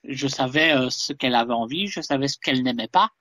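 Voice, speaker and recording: A man being interviewed over a video call, talking hesitantly with frequent pauses. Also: mid-range voice, bright, forceful tone, dry recording, studio quality. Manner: hesitant, many fillers and restarts. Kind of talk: casual interview.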